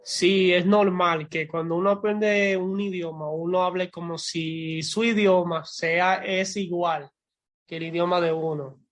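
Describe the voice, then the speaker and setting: A podcast co-host from the Dominican Republic, with a Dominican accent, chats casually and animatedly about pronunciation and language learning, demonstrating sounds and laughing easily. His voice is high with fairly even intonation, and he speaks at a measured pace.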